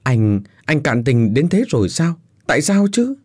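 A man's voice: mid-range voice, big pitch swings, unhurried, darkish tone, husky, no room sound, clean studio sound, voice pushed up. A man voicing a desperate, heartbroken young wife who pleads through tears. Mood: pleading, tearful. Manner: tearful pleading, raised voice.

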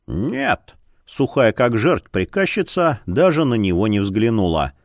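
Brief: male fantasy audiobook narrator, animated pitch, dry close mic. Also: moderate pace, no echo. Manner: expressive, lively storytelling.

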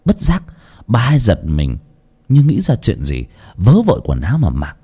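Animated male ghost story narrator. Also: fairly low pitch, normal speed, breathy edge. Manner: dramatic, animated.

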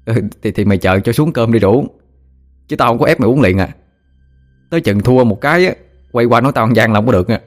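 A man's voice: mid-range voice, expressive, faint music behind, voice pushed up, natural voice. Man doing a brash, teasing Southern village boy. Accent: Southern Vietnamese. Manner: teasing, brash, quick-talking.

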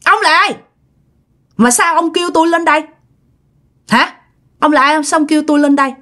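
A woman's voice: moderate pace, bright, forceful tone. A woman voicing the angry, defiant spirit of a dead teenage girl speaking through a possessed relative in a told ghost story. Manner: snapping, shrill, accusing.

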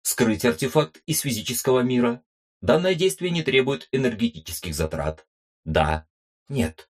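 A man voicing a cold machine artifact that reads out status reports in flat, formal announcements. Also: medium pitch, normal speed, pitched above the performer's own voice, lightly acted.

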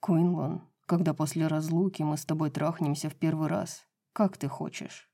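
A woman voicing a low, seductive winged man. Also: fairly even intonation, normal speed, warm tone. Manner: low murmuring, husky seductive tone. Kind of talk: audiobook reading.

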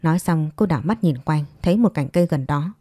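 A woman narrating a romance story aloud in a calm, even storytelling manner. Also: sits low, fairly quick, dry recording, clean studio sound. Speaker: audiobook narrator. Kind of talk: scripted narration.

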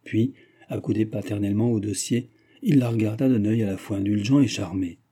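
A man narrating a classic novel as an audiobook in a measured, even manner. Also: lowish voice, husky. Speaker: audiobook reader.

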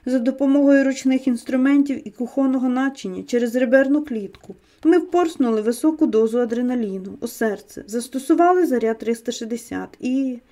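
A shaken young male paramedic reports in a subdued, clipped way, as a woman narrator reads his lines. The tone is mellow and set fairly high. It is a storybook reading, not a full character voice. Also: brisk, hardly any pauses, natural voice.

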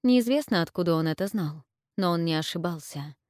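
Here a woman with a lowish voice tells an audiobook story evenly and with measure. The sound is clean studio audio, free of any room sound.

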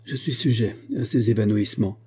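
A man's voice: fairly low pitch, brisk, dark tone, breathy edge. A man reading aloud and voicing a cold, shaken, wealthy banker who speaks in a strained, curt way. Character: cold, shaken rich middle-aged banker.

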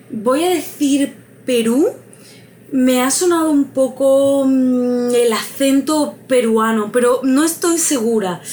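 A woman's voice: fairly high pitch, slight background noise. A woman vlogger thinking aloud as she takes a quiz, hesitant and musing, laughing at her own luck.

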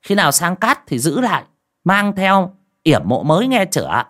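A man voicing a greedy, foul-mouthed old female village shaman, sharp and scolding. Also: high voice, huge pitch swings, normal speed, voice pushed up, heavily acted. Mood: curt. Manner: sharp, scolding, curses freely.

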